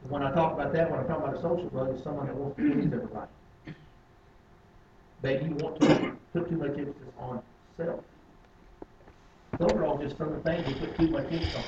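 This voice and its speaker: A man's voice: steady tone, brisk, long pauses, recorded from a distance, highs cut off, very noisy. Man preaching in an echoey church. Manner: rises to loud emphatic preaching then drops low and quiet. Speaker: pastor. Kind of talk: sermon. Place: church sanctuary.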